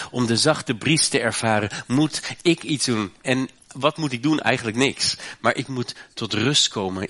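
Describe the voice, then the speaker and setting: A man's voice: mid-range voice, fairly bright tone. A man from the Netherlands preaching a sermon as pastor, earnest, repeating his phrases and tagging them with little questions.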